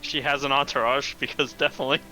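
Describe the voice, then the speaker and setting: Bright-voiced, laid-back game master man. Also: medium pitch, steady tone, fast talker, poor audio. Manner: loose, laughing, swears casually. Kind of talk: casual online tabletop game session.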